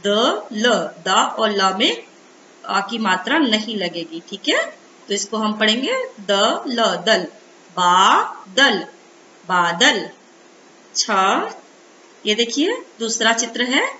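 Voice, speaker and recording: Female teacher for a primary school Hindi lesson, bright, lively sing-song delivery, echoey room, dull lo-fi sound with faint hiss. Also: mid-range voice. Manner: slow, sing-song sounding out of letters to children.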